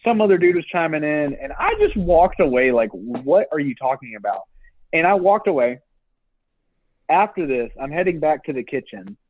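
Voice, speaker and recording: A man's voice: a little high, normal speed. A young man telling a work story on a casual podcast, acting out what people said. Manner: animated storyteller, acts out quotes. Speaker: podcast co-host. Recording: tinny phone-like dry sound.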